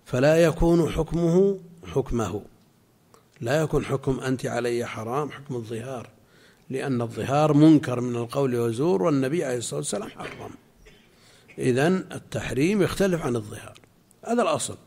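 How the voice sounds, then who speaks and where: A man teaching a class as a religious scholar, explaining a legal text in a measured way and answering students' questions. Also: mid-range voice, dark tone.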